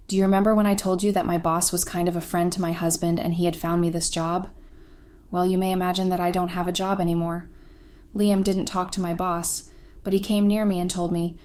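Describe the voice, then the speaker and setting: Low-voiced woman narrating a first-person story. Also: flat delivery, fairly quick, a little mellow.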